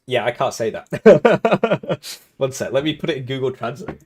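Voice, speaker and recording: A young man hosts and casts a live game tournament stream, rambling casually, cracking jokes and chuckling between remarks on the match. His medium-pitched voice is husky and darkish, a little slow, with big swings in pitch.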